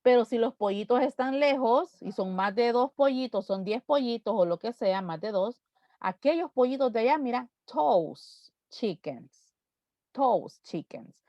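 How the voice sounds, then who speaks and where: Woman, English teacher, slow repetitive explaining, dry sound. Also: fairly high pitch, expressive, no echo, muffled recording. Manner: slow, drawn-out explanations repeating English words. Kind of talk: live online English lesson.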